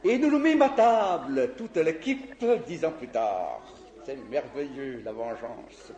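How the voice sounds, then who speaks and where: A man giving a sermon testimony, telling a story in an animated, expressive way. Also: mid-range voice, slow pace. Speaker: evangelist preacher. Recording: echoey room.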